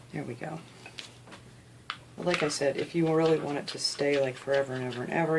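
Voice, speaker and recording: A craft video host with a low, sniffly voice walks through a project step by step in a relaxed, chatty tutorial, repeatedly dropping "you know" into her explanations. The home recording has clear background noise and clicks.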